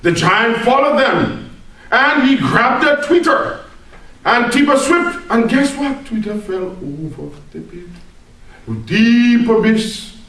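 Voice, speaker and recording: Her voice is on the high side, very animated and a bit bright, and she takes it slowly. She is a speech club storyteller delivering a comic tall tale to an audience in a theatrical, mock-earnest manner, in a very echoey indoor room with a distant microphone.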